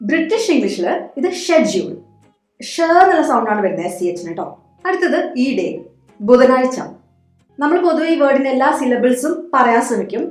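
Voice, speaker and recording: A woman teaches English pronunciation in a high, clear voice, going word by word and repeating each one slowly. Her voice has a noticeable room echo, with soft music under it. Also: expressive. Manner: patient, explains word by word, repeats words slowly. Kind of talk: Malayalam-language English pronunciation lesson.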